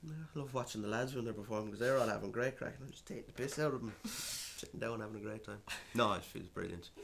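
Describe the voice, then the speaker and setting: A man's voice: lowish voice, fast talker, creaky, fairly bright tone, a little hiss or hum. A man, a drummer chatting loosely and jokingly in a casual interview. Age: 20s. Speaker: band drummer.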